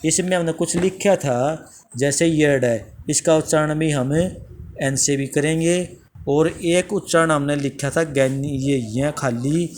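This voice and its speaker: A man's voice: fairly high pitch, takes it slowly, darkish tone, a little hiss or hum. A man teaching a language lesson, reciting letter sound rules one by one in a methodical way.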